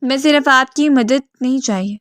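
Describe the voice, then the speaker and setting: A woman voicing a devoted young woman of twenty-one who pleads softly. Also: high-pitched, dry recording, clean studio sound. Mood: pleading. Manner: pleading, soft.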